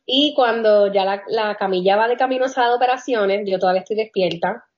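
A woman from telling a personal story in a casual chat, animated, laughing often and mixing in English phrases. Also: mid-range voice, fast talker. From Puerto Rico. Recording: dull lo-fi audio.

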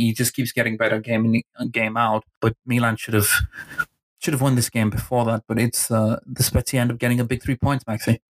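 Male podcast host, enthusiastic and chatty, mid pitch. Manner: chatty, enthusiastic, many restarts. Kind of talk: casual football podcast talk.

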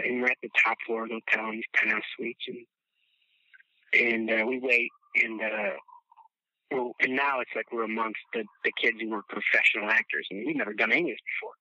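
A man in his thirties from the Chicago area, a podcast guest telling rambling, animated stories with casual swearing and laughter. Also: mid-range voice, no room sound. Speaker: podcast guest, former child actor. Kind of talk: casual storytelling chat. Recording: dull, dry lo-fi sound.

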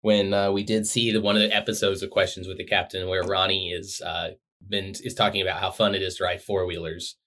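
Low-voiced joking man, podcast co-host. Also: level tone, brisk, pushed and bright. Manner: joking, playfully teasing. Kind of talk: casual chat.

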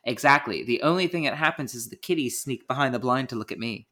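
A man's voice: mid-range voice, fast, sharp tone. A man co-hosting a podcast, chatting casually and jokingly laying out schemes. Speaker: podcast co-host. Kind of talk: casual chat.

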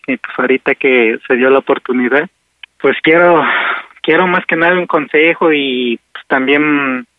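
Calling into a radio show, a man in his early thirties with a Mexican accent chats casually and hesitantly. His medium-pitched voice is dry and has phone-quality sound.

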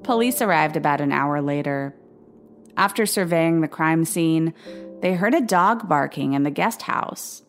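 Low-voiced woman narrating true crime. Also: animated, faint music behind. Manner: measured, grave storytelling with quoted voices. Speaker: podcast narrator.

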